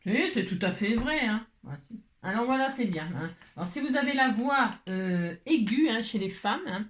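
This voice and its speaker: A chatty French woman leads a crafting tutorial from her home craft room, rambling and talking to herself as she works. Her voice sits a little high, and the room gives it a clear echo. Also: animated, normal speed. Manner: rambling, talks to herself, many "hein"s. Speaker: crafting vlogger.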